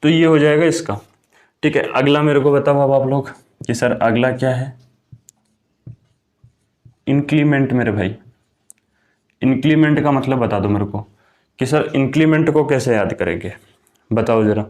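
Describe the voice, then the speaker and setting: A man's voice: mid-range voice, moderate pace, long pauses, a little mellow. A young man talks students through a vocabulary lesson for defence exams. He keeps it casual and chatty, often calling them brother and checking in with "okay" as he goes. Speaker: vocabulary teacher. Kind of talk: casual online exam-prep lesson.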